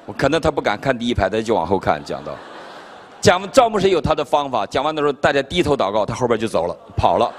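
Older Chinese male pastor, animated story-driven sermon, lively pitch, long hall reverb. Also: a little hiss or hum. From China. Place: conference hall.

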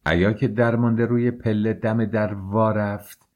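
A man narrating an audiobook in a measured, emotional first-person reading. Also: lowish voice, level tone, darkish tone. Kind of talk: scripted narration.

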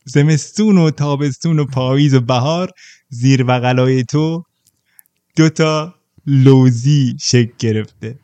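A man's voice: medium pitch, mellow, no echo. A man, co-hosting a podcast, telling a long anecdote in casual chat and slipping in English loanwords. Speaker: podcast co-host.

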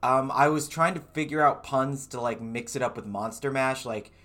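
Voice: medium pitch, moderate pace, a bit bright. A podcast host in casual comedy chat, wry and teasing toward the guest.

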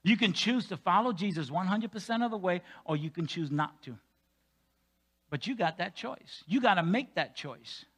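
Pastor guy preaching a sermon, high bright voice, goes big and loud then drops quiet and jokes around. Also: moderate pace, slightly rough. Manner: animated, swings from loud emphatic to quiet, joking asides. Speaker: senior pastor. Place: church.

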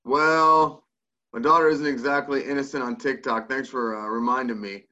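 Bright, forceful American man, slightly lo-fi. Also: medium pitch, fairly even intonation, moderate pace. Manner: joking, irreverent. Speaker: podcast co-host. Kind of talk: casual banter.

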